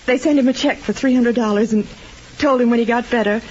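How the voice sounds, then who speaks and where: In a slightly high, brisk and somewhat mellow voice, a woman plays an anxious, devoted wife in the melodramatic style of old-time radio drama. She sounds distraught, earnest and lightly acted, and the old radio recording is dull and noisy.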